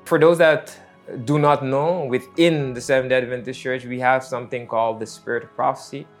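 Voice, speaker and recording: A man, telling his personal faith story in a reflective, halting way with many fillers. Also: mid-range voice, steady tone. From Netherlands. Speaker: missionary. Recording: faint music underneath.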